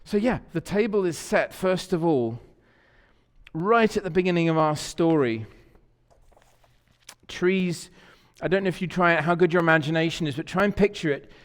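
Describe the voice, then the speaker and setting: His voice sits a little high and moves at a moderate pace. This man is a pastor giving a conversational sermon in a church sanctuary, warmly telling stories and repeating words whenever he searches for the next, all captured with church hall reverb.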